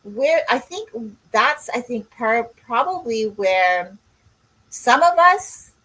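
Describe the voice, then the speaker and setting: A woman's voice: a little high, sing-song, slow, fairly bright tone, rough recording. A woman, a coach co-hosting a podcast in casual chat, rambling and drifting off on tangents. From Canada. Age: 60s.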